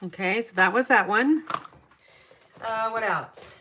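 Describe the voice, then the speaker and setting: A woman's voice: on the high side, slow pace, sharp tone, a little hiss or hum. A middle-aged woman chatting her way through a paper craft tutorial, talking to herself as she works. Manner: chatty, talks to herself while working. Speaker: papercraft demonstrator.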